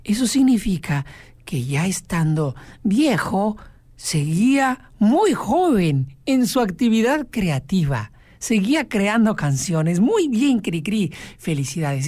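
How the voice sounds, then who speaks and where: A woman radio host presenting songs to teachers, lively and expressive. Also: mid-range voice, measured pace, no room sound. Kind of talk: explanatory radio talk.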